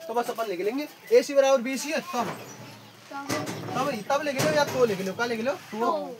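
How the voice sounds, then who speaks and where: A woman's voice: high-pitched, measured pace. A woman teaching a math lesson in a regional Uttar Pradesh Hindi dialect, asking question after question and repeating the answers back. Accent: Western Uttar Pradesh Hindi dialect. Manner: repetitive call-and-response questioning in a rural dialect. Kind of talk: classroom tutoring lesson. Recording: noisy classroom with chatter. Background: students chattering.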